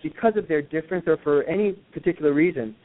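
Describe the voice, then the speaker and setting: Fast and fairly high-pitched, a fifty-something New Yorker hosts a relaxed discussion, speaking earnestly and often hunting for his words. The audio comes through a tinny, phone-like line carrying faint noise.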